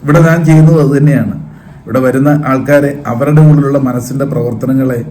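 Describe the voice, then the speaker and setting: A man's voice: medium pitch, steady tone, fast, mellow. A middle-aged man, a counsellor, giving a talk on the mind and asking his own questions before he answers them. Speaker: counsellor and trainer. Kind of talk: spoken talk on the mind and the Bhagavad Gita.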